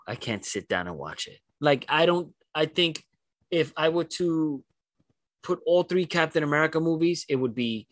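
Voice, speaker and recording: Male podcast co-host, mid-pitched, dry sound, loose and rambling delivery. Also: fairly bright tone, dry recording. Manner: rambling opinions with many restarts. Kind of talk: casual podcast chat.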